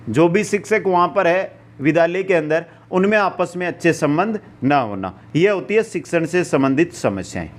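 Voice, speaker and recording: A male teacher with a Rajasthani Hindi accent, giving an exam-prep lecture point by point and asking the class rhetorical questions. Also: high voice.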